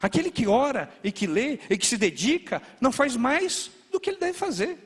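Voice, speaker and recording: A man preaching a sermon as a pastor, telling stories in a lively way with sound words. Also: very high-pitched, normal speed, husky. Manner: animated storytelling with sound words. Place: large church. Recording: long reverb of a church hall. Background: hall reverb.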